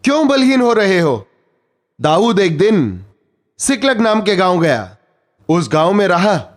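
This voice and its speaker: A middle-aged man preaching a sermon, telling a story with drama and acting out the voices he quotes. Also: high voice.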